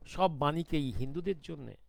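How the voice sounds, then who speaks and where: A man giving a commentary monologue, talking slowly because of a sore throat, firing off pointed rhetorical questions. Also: on the high side, expressive, vocal fry, darkish tone. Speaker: political commentator.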